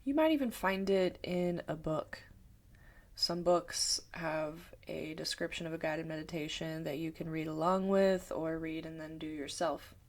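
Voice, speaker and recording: Slow, low-voiced woman meditation teacher. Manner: slow, calm, thoughtful explaining. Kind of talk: talking-head explainer video.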